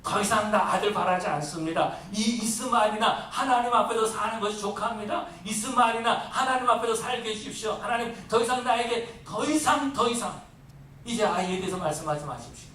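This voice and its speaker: A preacher acting out a weary old man pleading, his high, bright voice wavering between soft and sharp. He is heard from a distant mic in an echoey hall with a faint rumble. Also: a little fast.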